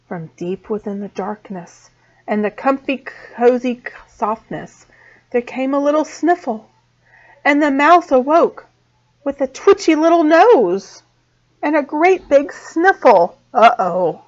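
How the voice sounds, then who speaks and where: A woman teacher reading a storybook aloud to small children, expressive and slow. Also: high voice. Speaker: preschool teacher. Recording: dull lo-fi sound.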